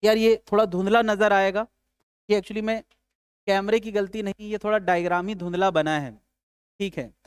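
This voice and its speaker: Man, physics teacher, casual lecture, chatty, jokey, high voice, smooth tone. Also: fairly even intonation, normal speed, dry recording. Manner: chatty, calls students "yaar", asks and answers own questions; jokes with students.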